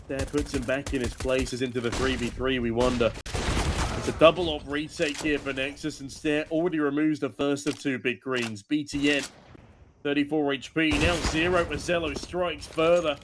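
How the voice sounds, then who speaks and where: A man's voice: fairly high pitch, steady tone, normal speed. A man working as an esports caster, giving play-by-play commentary on a shooter match. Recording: gunfire and game noise behind. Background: video game gunshots and clicks.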